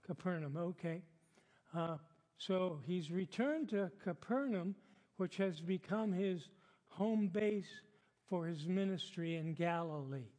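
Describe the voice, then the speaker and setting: An older man preaching a sermon as the church pastor, chatty and unhurried, with frequent laughs and filler words. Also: sits high, a little mellow. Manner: chatty, slow, laughs often, many fillers. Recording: long hall reverb. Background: congregation responding.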